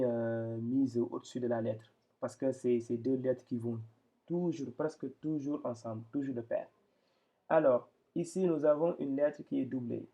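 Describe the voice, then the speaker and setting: Patient man teaching, gravelly voice. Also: mid-range voice, mellow, dull audio. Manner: patient, repeats and restarts often. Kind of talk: explaining Arabic reading step by step.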